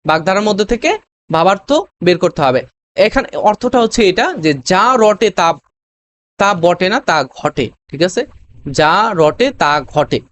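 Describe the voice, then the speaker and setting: In this recorded lesson, an admission test tutor speaking at medium pitch walks through the material one step at a time, often pausing, using fillers, correcting herself or himself quickly, and frequently making sure the students keep up.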